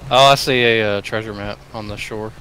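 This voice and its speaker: A man playing a game with a friend, talking slowly, getting excited and laughing often. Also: lowish voice, slight background noise, low-quality recording. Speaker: co-player. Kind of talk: casual gameplay chat.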